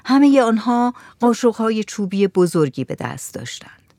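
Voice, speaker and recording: A woman narrating a story in a measured, even reading voice. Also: fairly high pitch, no room sound, studio quality.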